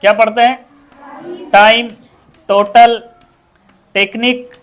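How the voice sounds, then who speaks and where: A woman with an Indian accent teaching English pronunciation, repeating each word several times and asking quick questions to check the class. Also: on the high side, fairly even intonation. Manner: drills words by repeating them, asks quick check questions. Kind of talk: pronunciation lesson.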